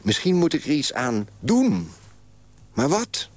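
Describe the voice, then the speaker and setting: A man's voice: a little high, wildly swooping pitch, slow, no room sound, heavily acted. A man voicing a lonely, curious male God who ponders aloud in short wondering questions, for a spoken story on radio. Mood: pondering.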